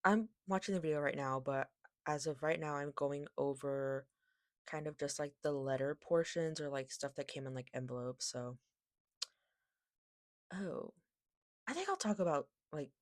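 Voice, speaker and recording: A woman with a low, animated voice chats at normal speed with frequent pauses, recorded in clean studio sound with no echo. A vlogger and K-pop collector, she rambles casually through a haul, often interrupting herself, and a lisp makes her s sound slushy.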